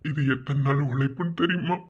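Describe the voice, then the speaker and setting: A man with a Madurai Tamil accent voicing an excitable, emotional young husband in a cartoon. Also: on the high side, a little fast, slightly rough, lo-fi sound. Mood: tearful. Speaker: office manager who wins a tender. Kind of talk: cartoon voice acting.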